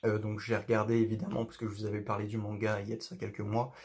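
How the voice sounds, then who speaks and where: A man's voice: lowish voice, completely flat delivery, very fast, a little mellow. Rambling young man chatting to camera. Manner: rambling, many fillers and restarts. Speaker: youtuber. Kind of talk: casual chat to camera. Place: bedroom.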